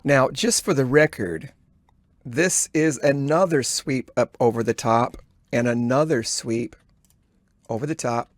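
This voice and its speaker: Thinking aloud over a live trade, a mid-pitched man narrates a trading journal voice-over recorded in a dry, close space with no echo. He speaks haltingly and instructively, almost as though he is coaching both the viewer and himself while following the action.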